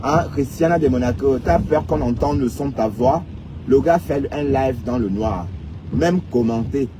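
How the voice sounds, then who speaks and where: On a laid-back live stream, a Cameroonian man speaking with a Cameroonian French accent mocks and teases his viewers in a rant, sprinkling in "hein" again and again. His voice is mid-range at a normal speed, and the background is noisy.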